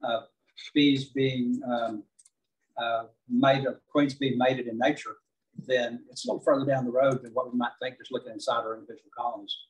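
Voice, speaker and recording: Middle-aged Texan man, club presenter, steady mid pitch, distant room sound. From southeast Texas. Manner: measured, frequent "uh" fillers. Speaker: beekeeping presenter. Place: large meeting hall with projector.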